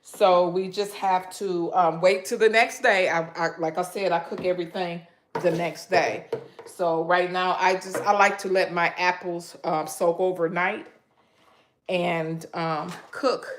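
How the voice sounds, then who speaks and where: In her home kitchen in Michigan, USA, a woman chats loudly and rambles through a casual live stream, filling it with ums as she addresses viewers via her phone camera. She has a lowish voice and a steady tone, and she takes her time; there's background noise behind her.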